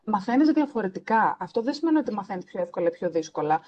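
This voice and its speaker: A woman's voice: mid-range voice, big pitch swings, lo-fi sound. A woman hosting a casual podcast conversation, talking earnestly and emphatically and slipping English words into her speech. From Greece. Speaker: French teacher and podcast host.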